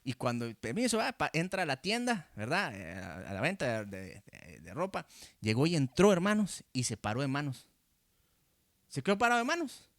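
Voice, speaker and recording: A man's voice: mid-range voice, huge pitch swings, normal speed, vocal fry, no room sound. Costa rican pastor guy preaching into a handheld mic, chatty, keeps saying verdad, dry sound. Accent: Costa Rican Spanish. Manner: conversational, often tags phrases with "¿verdad?". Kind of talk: teaching sermon. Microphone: handheld microphone facing a camera.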